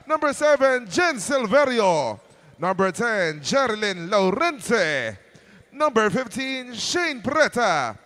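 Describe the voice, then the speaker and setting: A man announcing teams and players at a volleyball match in emphatic, drawn-out calls. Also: very high-pitched, a bit bright. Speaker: arena game announcer. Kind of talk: booming player introductions.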